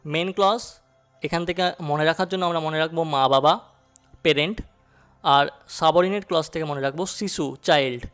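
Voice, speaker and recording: A man's voice: a little high, fairly bright tone, clear, resonant tone. Man teaching a grammar lesson over music. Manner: speaks slowly and deliberately, repeating key points; addresses students directly, asks them questions. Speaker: English teacher.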